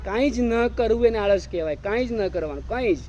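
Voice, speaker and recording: A man's voice: high voice, animated, a little fast, darkish tone, soft background music. A man preaching an evening sermon as a monk, repeating his points and firing rhetorical questions at the audience. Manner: drills points by repeating phrases. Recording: dull lo-fi recording.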